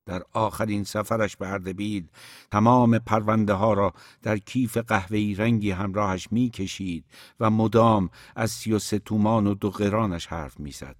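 A man reading a novel aloud as an audiobook narrator, in a measured, even storytelling manner. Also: lowish voice, no echo, studio quality.

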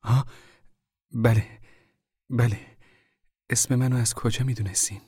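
A man's voice: mid-range voice, steady tone, warm tone, slightly rough, dry recording, studio quality, pitched above the performer's own voice, natural voice. A man voicing a humble, flustered middle-aged mother who is eager to please her visitors.

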